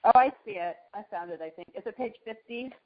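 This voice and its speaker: Woman, participant, soft unsure questions, mid pitch, dull lo-fi sound. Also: fast. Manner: soft, unsure, searching through notes. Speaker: workshop participant. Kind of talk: casual Q&A discussion.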